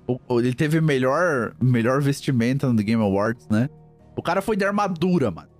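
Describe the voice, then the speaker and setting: A man's voice: mid-range voice, expressive, normal speed, soft background music. A man with a Brazilian accent chatting casually as a podcast host, slangy and emphatic, often repeating himself. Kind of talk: casual chat.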